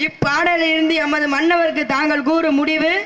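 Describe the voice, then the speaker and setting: A man's voice: very high voice, little pitch movement, sharp tone. A man playing a stern old male head poet who judges verses in a formal, declaiming way on stage. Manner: formal, warning, measured declamation. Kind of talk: Tamil stage-play acting.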